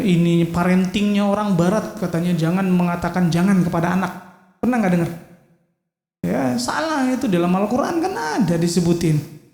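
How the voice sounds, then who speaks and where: Man, religious teacher, lively lecture, mellow tone, echoey mosque hall. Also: high-pitched. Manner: lively, acts out scolding parents. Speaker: Islamic teacher.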